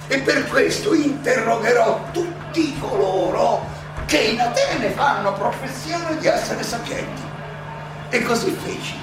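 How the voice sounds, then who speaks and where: A very echoey, distant recording of a wry philosopher pleading his case on stage. The voice is high and slow, halting for rhetorical effect as it addresses the audience. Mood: animated, ironic. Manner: halting, rhetorical, with dramatic pauses and repetitions. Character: Socrates, wry, probing philosopher defending himself at trial. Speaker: stage actor. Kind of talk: theatrical monologue addressed to an audience. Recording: echoey hall, distant mic, clear noise.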